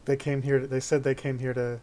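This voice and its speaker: A man voicing an earnest, pleading ghost with slow, halting, solemn speech in a tabletop game. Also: mid-range voice, level tone, warm tone, lightly acted.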